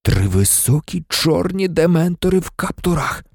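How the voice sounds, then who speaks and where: A narrator reading a children's fantasy story aloud, dramatic and lively, switching into many character voices. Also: mid-range voice, normal speed, creaky, no echo, clean studio sound. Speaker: audiobook narrator.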